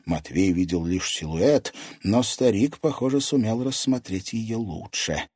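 A man's voice: lowish voice, expressive, measured pace, darkish tone, slightly rough, no room sound, clean studio sound. A man narrating a fantasy novel as an audiobook reader, telling it dramatically. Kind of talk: scripted narration.

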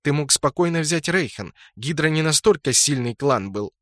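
Man doing an exasperated game admin, scolding, sharp and raised, dry close sound. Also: fairly high pitch, lively intonation, moderate pace, no echo, voice pushed up. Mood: irritated, scolding. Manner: scolding and irritated.

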